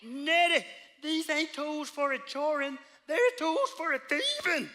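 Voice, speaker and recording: A woman's voice: high-pitched, animated, unhurried, bright, forceful tone, exaggerated voice. Woman playing a stammering bumbling outlaw man. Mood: worried. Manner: stammering, flustered drawl. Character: bumbling nervous male outlaw, soft-hearted. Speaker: church drama actor.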